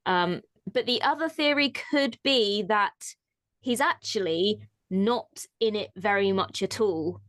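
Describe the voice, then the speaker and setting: A woman co-hosting a casual fan chat show, chatty and quick to laugh, with hedging fillers. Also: medium pitch, a bit bright, no room sound. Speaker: podcast co-host.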